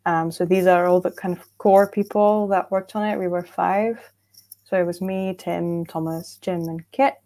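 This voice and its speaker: A woman from Belgium presents her game studio over a video call. Her voice sits a little low and sounds mellow and warm. She talks in a relaxed, unhurried way with plenty of ums. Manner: relaxed, hesitant with frequent fillers. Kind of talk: casual conference presentation.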